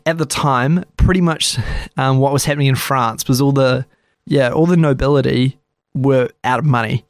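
A man with a gravelly, fry-tinged mid-range voice hosts a relaxed history chat, talking loosely and sarcastically while acting out the quotes of people in the story. The recording is close and dry, with no echo or room sound.

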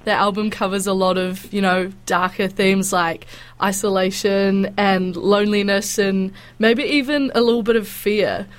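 A woman's voice: medium pitch, steady tone, unhurried. A woman with a stuffy nose from a cold, hosting a radio interview in an effusive, encouraging way. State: has a head cold. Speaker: radio breakfast show host. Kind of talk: friendly live radio interview.

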